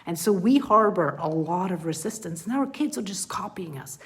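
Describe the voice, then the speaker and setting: Earnest woman coach with a low voice. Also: normal speed. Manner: earnest, animated, often acts out parent and child lines. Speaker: parenting coach. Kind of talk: live group coaching talk.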